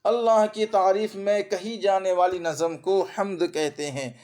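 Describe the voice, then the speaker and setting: High-voiced man teaching Urdu grammar. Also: steady tone, darkish tone. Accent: Urdu, as spoken in India. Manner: explains by repeating terms and asking quick checking questions. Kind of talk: exam-prep grammar lesson.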